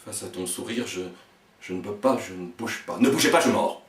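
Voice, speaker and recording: A man performing experimental spoken-word poetry in a fragmented delivery, stammering and repeating words, swinging between hushed murmurs and sharp outbursts. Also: on the low side, fairly quick. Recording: echoey room, voice far from the mic.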